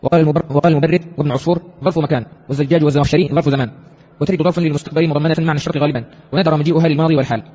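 A man reading a text aloud for a class, reciting numbered points in quick succession. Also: on the high side, fairly even intonation, dark tone, slightly rough, long reverb tail, highs cut off.

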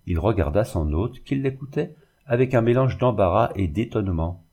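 A man narrating a classic novel in a measured, literary reading. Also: lowish voice, animated, warm tone, slightly rough. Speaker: audiobook narrator. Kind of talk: scripted narration.

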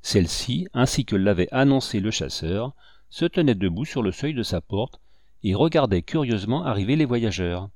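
A man reads a novel aloud in a steady, measured way. His voice sits low and is recorded close, with a dry sound and no room around it. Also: dry recording. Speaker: narrator. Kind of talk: audiobook reading of a novel.

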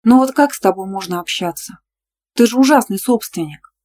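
A cheeky young female student who banters back and bristles with indignation. A narrator reads her in an audiobook. Her lines sit a bit higher than the narration. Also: normal speed, close to an everyday voice. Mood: indignant. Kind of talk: audiobook dialogue reading.

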